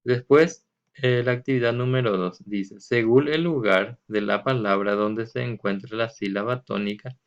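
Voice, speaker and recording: A man teaching a language lesson, patiently explaining and drawing words out slowly to show which syllable is stressed. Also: on the low side. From Paraguay. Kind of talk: recorded classroom lesson explanation. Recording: dull lo-fi recording.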